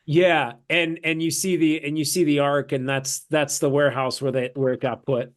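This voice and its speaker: Brief: American actor guest, a bit high-pitched, loose rambling delivery over a video call. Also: male voice, flat delivery, moderate pace. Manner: rambling, many fillers and restarts. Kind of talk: casual film discussion.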